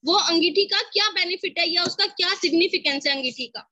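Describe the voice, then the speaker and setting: Woman, high and bright, motivational speaker on a lo-fi online call, storytelling, quizzes her listeners. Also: a little fast, a little hiss or hum. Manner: storytelling, asks the audience questions. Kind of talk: online team session talk.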